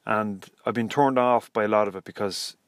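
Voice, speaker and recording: A lowish-voiced Irish man hosts his own podcast from the passenger seat of a parked car, rambling casually and hesitantly at a moderate pace. The sound is clean, studio-like, with no room sound.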